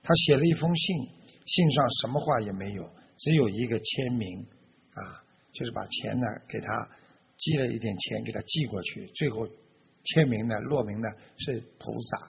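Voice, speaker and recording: A man's voice: mid-range voice, moderate pace, vocal fry, a little hiss or hum. A man telling a folk tale aloud, loosely, with fillers, restarts and emphatic stresses. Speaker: storyteller. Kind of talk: oral folk storytelling. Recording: dull lo-fi recording.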